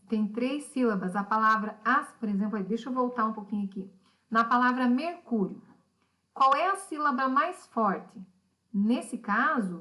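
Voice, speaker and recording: Patient schoolteacher, higher voice. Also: female voice, fairly bright tone. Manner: patient, explanatory, asks pupils questions. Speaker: teacher. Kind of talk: recorded remote lesson.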